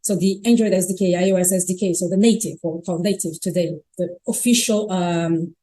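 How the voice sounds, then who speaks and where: Her voice fairly low, steady and mellow, this woman speaks a little fast. She is Brazilian, a native Portuguese speaker presenting a conference talk on stage. She is chatty and keeps correcting herself with frequent restarts.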